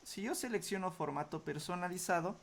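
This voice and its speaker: A man teaching a software tutorial, explaining each step patiently and often checking in with short questions before answering his own. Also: high-pitched, brisk, creaky. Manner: asks rhetorical questions then answers them. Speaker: computer skills instructor. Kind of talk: screen-recorded software tutorial.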